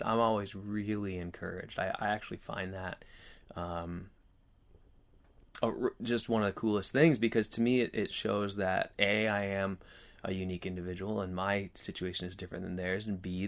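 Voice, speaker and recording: A man chatting casually to his viewers as host, earnest and reflective, with halting, rambling phrasing and a slight whistle on his s sounds. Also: fairly low pitch. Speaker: video host.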